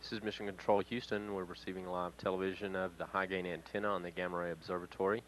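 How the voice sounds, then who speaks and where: Man, low monotone, mission control commentator, halting matter-of-fact delivery, faint background noise. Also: poor audio.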